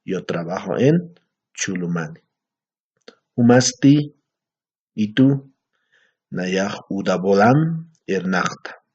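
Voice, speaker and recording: A man's voice: fairly low pitch, a little mellow, slightly rough. A man teaching an Aymara class, explaining patiently and checking in with his students often. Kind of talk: recorded language lesson. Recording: dull lo-fi recording.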